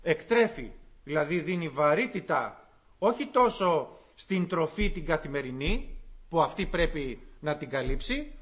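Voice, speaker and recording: High-pitched guy preaching a sermon, earnest, lots of pauses, kinda muffled lo-fi audio. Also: a bit bright, breathy edge. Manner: earnest, explanatory, pauses often, reads scripture aloud. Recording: dull lo-fi recording.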